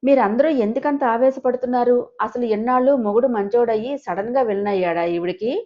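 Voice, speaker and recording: A woman's voice: a little high, brisk, dull audio, pitched above the performer's own voice, close to an everyday voice. A woman voicing a haughty, scheming middle-aged woman who speaks with indignant scorn.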